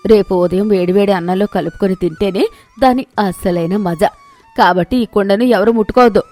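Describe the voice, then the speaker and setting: A woman's voice: mid-range voice, fairly quick, warm tone, faint music behind, natural voice. Woman as strict mother-in-law; firm, commanding, no nonsense.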